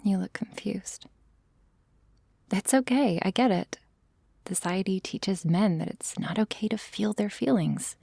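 A woman's voice: medium pitch, measured pace, vocal fry, breathy edge, dry recording, clean studio sound. A woman voicing a whispering obsessive captor. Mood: tender, obsessive. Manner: soft menacing whisper, teasing, profane. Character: obsessive young woman captor, unhinged and possessive. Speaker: voice actor. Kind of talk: audio roleplay.

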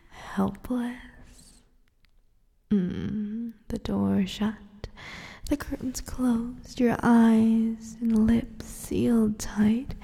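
A woman voicing a predatory female succubus in an erotic audio roleplay, whispering nearly every line in a slow, taunting way. The voice is gravelly, breathy and dark, with a long hall reverb around it. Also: mid-range voice, full character voice. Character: predatory teasing female succubus, cruel and gloating.

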